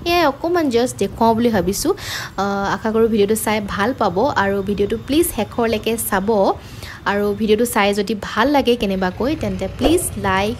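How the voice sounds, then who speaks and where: A woman's voice: on the high side, slight background noise. A young woman greeting her viewers in a cheerful, chatty vlog intro, filmed on a night-time city street with a phone held at arm's length. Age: young adult. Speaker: vlogger.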